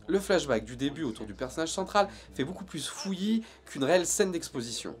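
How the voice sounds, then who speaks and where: Lively, high-voiced sarcastic male reviewer. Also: a little fast. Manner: sarcastic and joking, then earnest critique. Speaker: TV series reviewer. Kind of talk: casual video review.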